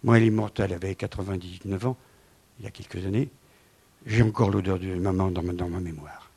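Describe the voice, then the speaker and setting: A man in his seventies giving a lively lecture with slides, swinging from loud emphasis to quiet asides. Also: low voice, fairly quick, vocal fry, breathy edge. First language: French. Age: 70s.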